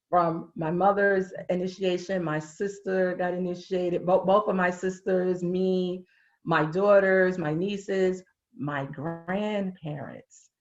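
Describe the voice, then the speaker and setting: A woman, speaking in a lowish voice. She talks in a relaxed, chatty way, laughs easily and slips into casual slang. The audio is muffled and lo-fi, as on a video call. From Brooklyn, New York. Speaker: interview guest, educator. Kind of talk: casual interview chat.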